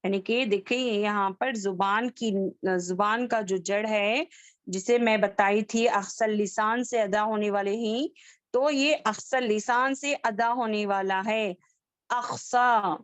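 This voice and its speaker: A woman's voice: mid-range voice, takes it slowly, no echo. A woman teaching an online Quran recitation class over a video call. She speaks patiently and says each letter several times so her students can repeat it after her.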